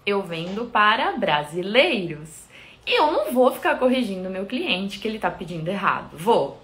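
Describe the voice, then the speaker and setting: A Brazilian woman speaking in a Brazilian Portuguese accent, talking straight to her viewers. She runs a sweets shop and explains things in a chatty, emphatic way. Her voice sits at an ordinary middle pitch for a woman. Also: big pitch swings, moderate pace, fairly bright tone. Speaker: confectionery owner. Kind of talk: casual explanatory vlog.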